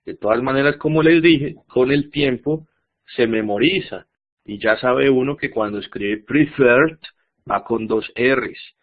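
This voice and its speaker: A man teaching a grammar lesson slowly and patiently, repeating each example and checking that students follow. His voice comes through thin, phone-like audio. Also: mid-range voice. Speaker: English teacher.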